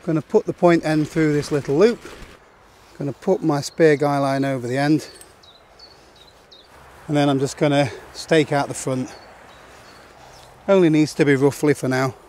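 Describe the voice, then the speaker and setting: A man in his forties calmly talking through a camping setup, step by step, in an open meadow outdoors. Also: a little high, moderate pace, long pauses, a little hiss or hum. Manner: plain, matter-of-fact instructional talk. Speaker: outdoor gear vlogger.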